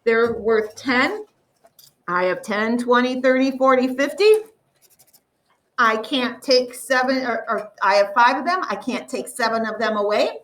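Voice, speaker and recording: A woman teaching a math lesson to a classroom, explaining step by step and slowly drawing out the numbers. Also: on the high side, fairly bright tone, recorded from a distance, poor audio.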